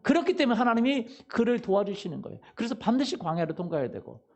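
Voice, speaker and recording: A man's voice: sits high, very animated, fast talker, darkish tone. A male pastor giving a Sunday sermon, quizzing the congregation with fill-in questions and repeating "hallelujah" and "right?". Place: church sanctuary.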